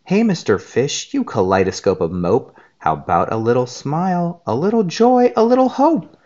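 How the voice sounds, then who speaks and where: A man squeaking as a cheeky female squid. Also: sing-song, moderate pace, a little mellow, lo-fi sound. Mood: teasing. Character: squirmy, slightly rude female squid.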